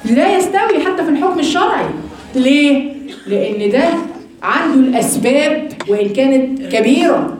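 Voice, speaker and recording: A woman with an Egyptian accent giving a religious lesson to women, animated and full of rhetorical questions to her listeners. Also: sits high, normal speed, soft background music. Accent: Egyptian Arabic. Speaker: religious teacher. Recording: very echoey room from far off mic.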